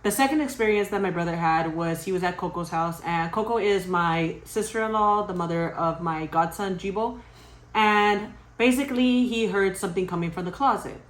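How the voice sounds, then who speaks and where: A young woman vlogger casually telling a spooky story to her viewers, animated and swearing, often laughing. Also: medium pitch, normal speed, roomy sound.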